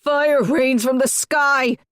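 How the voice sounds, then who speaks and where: A man voicing a frantic, delirious teenage boy who is a shapeshifting crow, screaming and raving in a very high voice. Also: fairly even intonation, takes it slowly, a bit bright, clear, resonant tone, no room sound, studio quality, heavily acted.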